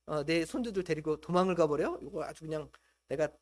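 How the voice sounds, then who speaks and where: Greedy scheming old uncle, grumbling low, a male preacher's quick put-on voice. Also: lightly acted.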